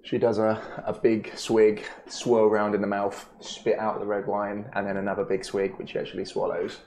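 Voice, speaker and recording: A woman narrating as game master, halting with frequent ums. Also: rumbling low, completely flat delivery, darkish tone, a little hiss or hum.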